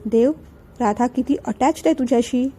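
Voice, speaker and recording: A woman's voice: on the high side, moderate pace, mellow, slightly rough. A woman reading the lines of an admiring older man in a storybook reading.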